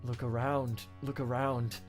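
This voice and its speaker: A man's voice: mid-range voice, level tone, measured pace, faint music behind, close to an everyday voice. A man voicing a dramatic, exasperated cartoon hedgehog antihero in a comic reading. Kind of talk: comic live storybook-style reading in character.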